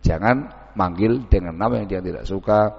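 At a normal pace, the low-pitched, creaky-voiced preacher shares folksy stories during a dawn sermon, voicing villagers in conversation. The hall echoes, and the sound is dull and lo-fi.

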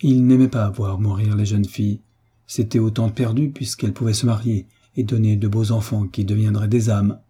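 A male narrator reads an audiobook in a measured, steady way. His voice is husky and very dark, set fairly low in pitch. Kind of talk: scripted narration.

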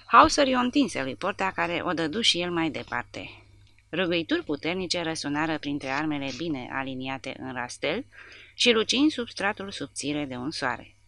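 A woman narrating an audiobook in a measured, dramatic reading. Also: low-pitched, lively intonation, creaky, pushed and bright, no room sound. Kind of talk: scripted narration.

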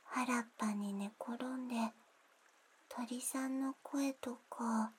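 Woman performing a drowsy young attendant, ASMR role-play, intimate pillow talk, breathy, unhurried, faint background noise. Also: a little high, fairly even intonation. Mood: dreamy, drowsy. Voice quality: breathy, soft-spoken. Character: gentle, drowsy young female attendant lulling a guest to sleep.

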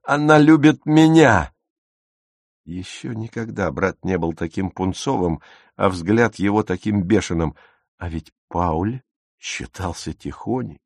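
A man's voice: low voice, measured pace, gravelly, no echo. Man narrating an audiobook in a dry studio.

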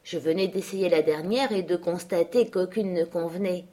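A woman reading a classic novel aloud in measured, expressive narration. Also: lowish voice. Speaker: audiobook reader. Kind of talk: literary narration.

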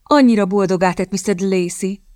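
A woman's voice: mid-range voice, a little mellow, dry recording, studio quality, natural voice. A woman reading the part of a scheming young woman, putting on feigned, theatrical desperation. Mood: pleading. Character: scheming young woman seeking a rich husband. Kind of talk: audiobook character reading.

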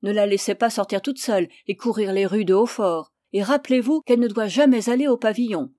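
A woman's voice: mid-range voice, fairly quick, dark tone, no room sound, clean studio sound, lightly acted. A woman reader voicing a stern, controlling bourgeois mother who gives firm instructions. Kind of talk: audiobook character voice.

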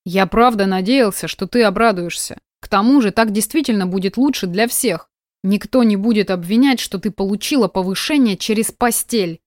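A woman's voice: mid-range voice, normal speed, no echo, close to an everyday voice. A woman reading an audiobook, voicing a frustrated young man who speaks earnestly and bitterly, recorded close and dry. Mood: tense, bitter. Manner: tense, earnest, controlled then bitter. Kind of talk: audiobook dialogue.

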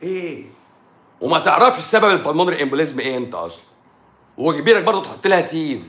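A man's voice: on the high side, sing-song, rapid-fire, a bit bright, roomy sound. A middle-aged man with an Egyptian Arabic accent, a doctor on a live stream, ranting combatively and firing sarcastic rhetorical questions. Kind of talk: heated live-stream rant.

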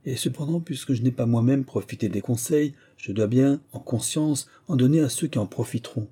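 A grave, cautious gentleman replies with calm dignity, as a man reading aloud puts him on. The voice is dark, husky and measured. It is a storybook reading. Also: mid-range voice, lightly acted.

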